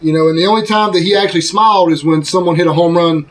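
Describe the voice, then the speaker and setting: High-voiced laid-back man on a podcast. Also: racing. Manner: laid-back storytelling with quoted asides. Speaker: podcast co-host. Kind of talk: casual chat.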